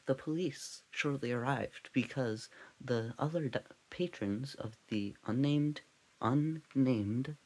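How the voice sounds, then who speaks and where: A man hosting a parody true-crime podcast, rambling and scatterbrained, drifting off on tangents in a deadpan way. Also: medium pitch, rough recording. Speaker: comedic podcast host.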